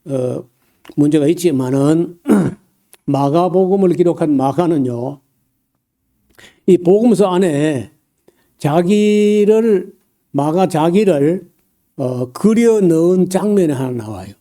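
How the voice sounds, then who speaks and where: A man preaching a sermon as pastor, in a halting, folksy way with many fillers, humorous asides and frequent throat-clearing. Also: fairly high pitch, lively intonation, warm tone.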